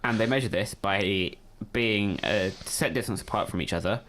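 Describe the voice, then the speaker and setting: Young guy, lowish voice, patiently explaining science stuff on a chatty show, dry little jokes. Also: normal speed, a bit bright. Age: young adult. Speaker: co-host. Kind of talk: casual science chat.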